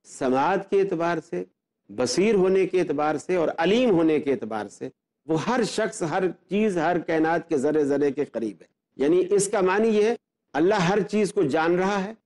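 A man's voice: on the high side, a little mellow. A man, an Islamic scholar, explaining religious belief earnestly and building his points with rhetorical questions. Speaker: Islamic scholar and guest speaker.

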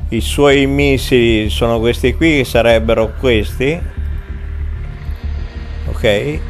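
A man hosting a casual gameplay video from home, talking in a halting way with many fillers. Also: mid-range voice, soft background music.

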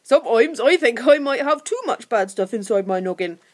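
Woman playing a grubby, uneasy monster with animated speech. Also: on the high side, normal speed. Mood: troubled, confessing. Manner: broken-grammar creature talk. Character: Scratch, grubby uneasy male creaker monster.

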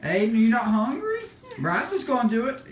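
A woman speaks with an animated, swinging pitch in a casual, urging way. She is heard in a roomy space on a home phone recording with light background noise. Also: moderate pace. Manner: coaxing, urging. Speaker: off-camera host cheering on children. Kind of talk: casual family chat and encouragement. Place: small bedroom, indoors. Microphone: handheld phone camera.

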